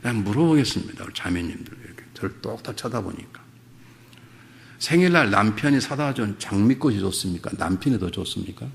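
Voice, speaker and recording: A man's voice: fairly low pitch, animated, brisk, creaky. A middle-aged male pastor preaching a revival sermon, moving between humorous storytelling and fervent exhortation.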